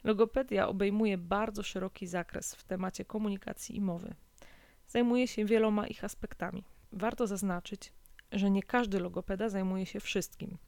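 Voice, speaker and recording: A woman hosts an informative podcast in a calm, measured way. Her voice carries a gravelly fry. The sound is dry and close, with no room echo. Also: medium pitch. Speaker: podcast host.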